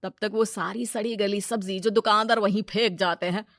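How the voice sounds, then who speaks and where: A woman's voice: medium pitch, steady tone, moderate pace, no room sound, clean studio sound, close to an everyday voice. A woman voicing a greedy, scheming village moneylender, a brusque and bossy husband in a cartoon moral story. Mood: smug, scheming.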